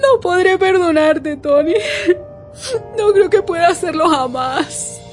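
An actress playing a grieving widow, speaking in a heartbroken, tearful way. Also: female voice, on the high side, unhurried, faint music behind, lightly acted. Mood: anguished. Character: grieving widow, middle-aged woman. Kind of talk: dramatic acting.

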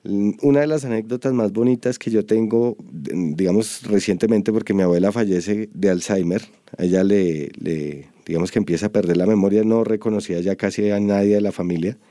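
A man with a Colombian accent, speaking earnestly in an interview and pausing to search for words. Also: on the low side, fairly even intonation, mellow, no echo, studio quality. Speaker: storyteller interviewed. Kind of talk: reflective interview.

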